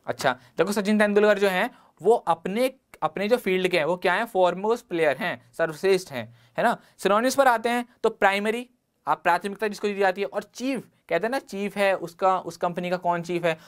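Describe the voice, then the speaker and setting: A male teacher with an Indian English accent runs an online exam-prep vocabulary lesson. He keeps asking the class rhetorical questions and ties each word to everyday life. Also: sits high. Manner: explains words with everyday examples and rhetorical questions.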